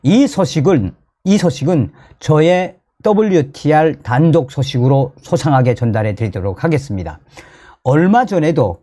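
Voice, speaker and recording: A man from North Korea with a North Korean accent, delivering news commentary to viewers in an emphatic, excitable way and often repeating his phrases. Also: fairly high pitch. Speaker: host of a commentary channel.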